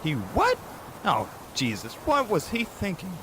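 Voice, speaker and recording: A man's voice: high voice, wildly swooping pitch, a little slow, voice pushed up, exaggerated voice. Guy doing a worried mom, scolding and exasperated, voice swings all over, rain noise behind. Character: worried middle-aged mother, blunt and protective.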